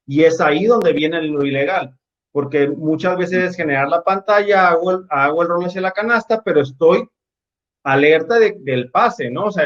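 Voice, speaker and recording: A man, a basketball referee, explaining game rules on a video call, with fillers and restarts. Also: fairly high pitch. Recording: dull lo-fi call audio.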